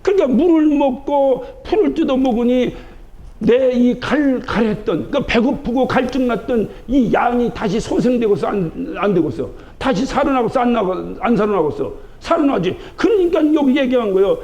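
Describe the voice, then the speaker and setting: A man's voice: extremely high pitch, lively intonation, moderate pace, darkish tone. A man from Chungcheong preaching a sermon as pastor, driving his points home with rhetorical questions in a church sanctuary. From Chungcheong, Korea. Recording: dull broadcast recording of a church service.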